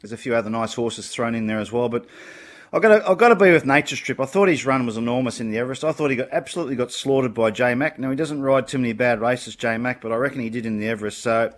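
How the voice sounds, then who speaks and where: A man's voice: medium pitch, fairly even intonation, fast talker, hardly any pauses. An Australian man, a horse racing tipster, talking casually and confidently through his picks in a blokey, opinionated way. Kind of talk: casual racing tips on a panel show.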